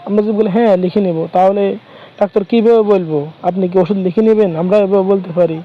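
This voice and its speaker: Man, high voice, informal language tutor, halting and repetitive, dull lo-fi sound. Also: fairly even intonation. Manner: slow, halting, repeats phrases and restarts. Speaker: Arabic language teacher. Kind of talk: informal spoken lesson. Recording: dull lo-fi recording.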